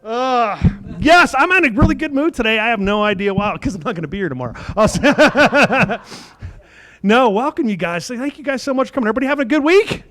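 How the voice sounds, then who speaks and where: A man's voice: extremely high pitch, animated, brisk, fairly bright tone. A man hosting a stand-up comedy show on a club stage, bantering loosely with the crowd and rambling between jokes. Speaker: host comedian.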